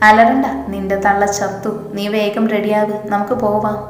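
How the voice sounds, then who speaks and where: A woman's voice: medium pitch, flat delivery, moderate pace, natural voice. Woman doing a menacing brutal father. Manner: harsh, threatening. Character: brutal middle-aged father, violent and arrogant. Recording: echoey room with reverb. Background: soft music.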